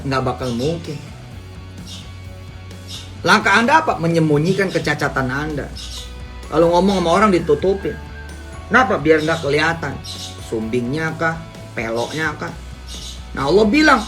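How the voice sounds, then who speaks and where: A middle-aged preacher with a nasal voice talks to his audience in a loose, joking way and keeps asking them questions. His voice sits fairly high for a man. Faint music plays underneath. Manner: lively, jokey, asks the audience questions. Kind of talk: casual Islamic teaching talk.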